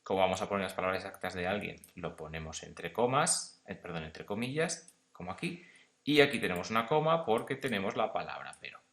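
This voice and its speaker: A man teacher explaining punctuation step by step, often checking in with his students and reading quoted passages slowly. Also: low-pitched, lively intonation, vocal fry. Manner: reads quoted text slowly and louder. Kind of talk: punctuation lesson.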